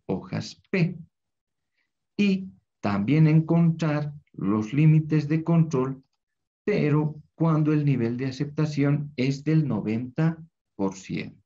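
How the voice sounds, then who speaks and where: Gravelly, husky male lecturer. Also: fairly high pitch, slow pace, warm tone. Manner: explanatory, frequent tag questions. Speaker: teacher. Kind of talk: recorded lecture over screen. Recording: dull lo-fi recording.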